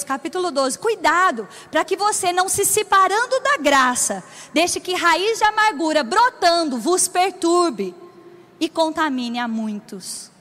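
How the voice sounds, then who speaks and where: Very high-voiced Brazilian woman preaching. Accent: Brazilian Portuguese. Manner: warm, emphatic preaching with call-and-response "amen?". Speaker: preacher at a women's gathering. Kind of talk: sermon. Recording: long hall reverb.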